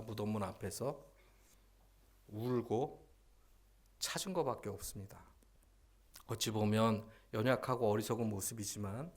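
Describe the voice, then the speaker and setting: A male pastor preaching a Sunday sermon in a church sanctuary, emphatic and full of rhetorical questions put to the congregation. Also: lowish voice.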